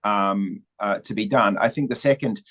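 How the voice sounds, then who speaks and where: Kiwi guy with a lowish voice, chatting easygoing and thoughtful in an interview. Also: moderate pace, fairly bright tone, rough recording. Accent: New Zealand, slightly Australian or American. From New Zealand. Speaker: guest. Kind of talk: interview conversation.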